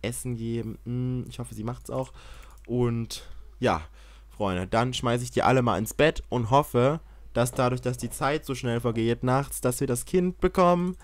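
A young man commentating a life-sim game he is playing, excitable and swearing, often yelling in mock outrage. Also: mid-range voice, unhurried, dry recording. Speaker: gaming YouTuber. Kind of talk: Let's Play commentary.

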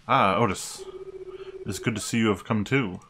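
A man's voice: lowish voice, moderate pace, natural voice. A man reading out a video game's haughty, condescending refugee leader in a pompous, formal manner. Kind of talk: reading game dialogue aloud. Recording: clear background noise.

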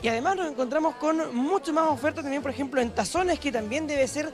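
Holding a mic, a young reporter with a Chilean accent tours an indoor craft fair hall and promotes it on TV, speaking straight to viewers. He is fast, upbeat and persuasive, with music playing in the background.

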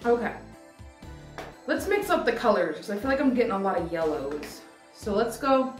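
A woman's voice: medium pitch, big pitch swings, normal speed. A woman in her twenties chatting casually to camera as a vlog host, rambling and hesitant, with lots of filler "like". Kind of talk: casual chat to camera, candy taste test. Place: decorated room indoors. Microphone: camera a few feet away. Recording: roomy, distant mic, music behind.

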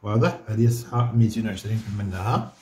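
A man with a Moroccan Arabic accent teaching a grammar lesson, asking the class questions and repeating words slowly for dictation. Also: lowish voice, a little mellow. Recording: echoey room.

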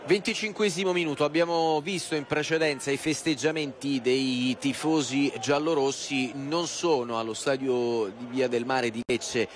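A man's voice: mid-range voice, fairly even intonation, unhurried, hardly any pauses. A man doing live play-by-play football commentary for television. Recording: live broadcast over loud stadium noise. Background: outdoor stadium ambience.

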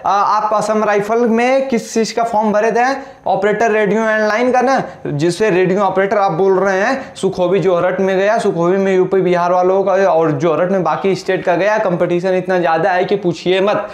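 In a small indoor room, a young man who runs an exam coaching YouTube channel speaks straight to a camera framed mid-close in front of him. His high voice, fairly even in intonation, moves at normal speed with hardly any pauses and a roomy sound. He urgently repeats instructions on filling out a recruitment form, gesturing heavily.

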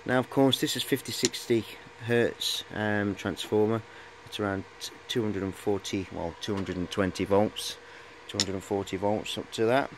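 In his forties, this man demonstrates high-voltage equipment in a cluttered workshop, rambling casually and a bit hesitantly in a matey tone. His lowish voice has fairly even intonation, a moderate pace, and hardly any pauses. A handheld camera at arm's length captured it, with clear background noise.

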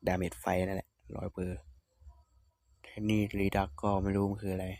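A man from Northeastern Thailand hosts a gaming channel, walking through game stats in a casual tutorial voice-over. His voice is deep, at a moderate pace, in a dry recording, and he sounds relaxed and explanatory, thinking aloud with hums.

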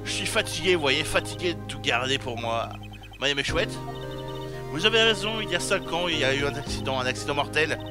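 A man voicing a tired, resigned old male actor who confesses haltingly, read aloud by a gamer. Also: a little high, lively intonation, over music, natural voice. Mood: weary.

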